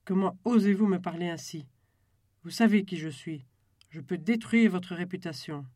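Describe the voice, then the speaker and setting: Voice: medium pitch, normal speed, a little mellow, no room sound, lightly acted. Arrogant woman guide author, indignant, threatening; reader voicing her, dry sound.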